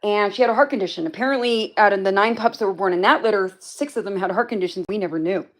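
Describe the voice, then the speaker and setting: A woman's voice: mid-range voice, quick pace. A woman hosting a casual livestream from home, rambling through a story and answering viewers' comments as they come in. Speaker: livestream host.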